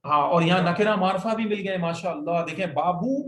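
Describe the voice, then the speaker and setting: With a high voice and a slightly fast pace, a male teacher patiently walks his class through Arabic grammar rules and drills them in call-and-response. The room echoes and faint noise can be heard.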